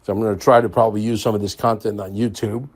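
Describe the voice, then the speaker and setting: A man's voice: on the low side, level tone, quick pace, breathy edge. A man hosting a podcast in a casual monologue, emphatic and repeating phrases for stress. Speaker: podcast host.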